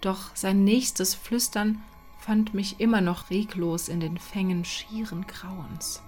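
A woman narrates a horror tale slowly and deliberately, her voice sitting in a middle register. She often drops into a breathy whisper, and faint music plays underneath. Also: mid-range voice, fairly even intonation. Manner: slow, hushed, sinking to whispers. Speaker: reader. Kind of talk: dramatic horror story reading.

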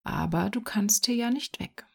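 A woman voicing a kindly man who gently coaxes a boy in a storybook reading, speaking softly and often half-whispered. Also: medium pitch, normal speed, vocal fry, breathy edge. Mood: coaxing. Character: kindly bow-legged man with a rabbit basket.

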